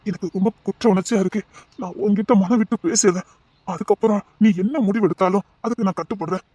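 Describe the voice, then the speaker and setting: A man's voice: high-pitched, fairly even intonation, fast talker, dark tone, no echo. A man voicing a guilt-ridden young man who earnestly urges his beloved to hear his confession, in an audio drama. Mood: urging. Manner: earnest, urging, addresses her intimately.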